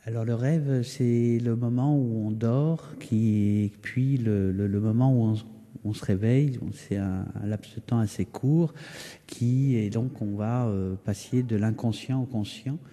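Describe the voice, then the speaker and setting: Very dark-voiced, halting man in echoing hall. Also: medium pitch. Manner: halting, searching for words with repeated starts. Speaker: artist being interviewed. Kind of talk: spoken interview, explaining their work. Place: indoor hall of a townhouse. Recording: echoey, resonant building interior.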